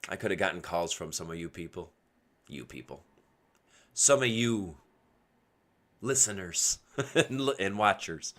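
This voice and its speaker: A man with a voice on the low side runs a casual solo podcast full of opinions, questioning himself rhetorically and speaking with emphasis. Yelling has left his voice strained and partly lost.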